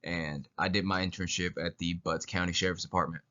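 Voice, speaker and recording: Young male student presenter, sick with flu: low and monotone, hesitant delivery, muffled lo-fi sound. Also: fairly quick. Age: young adult. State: sick with flu, coughing now and then. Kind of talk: narrated presentation. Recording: dull lo-fi voice recording.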